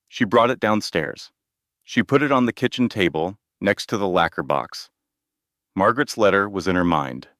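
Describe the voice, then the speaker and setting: A man narrating a scripted story in short, deliberate sentences. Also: low voice, a bit bright, no echo, studio quality.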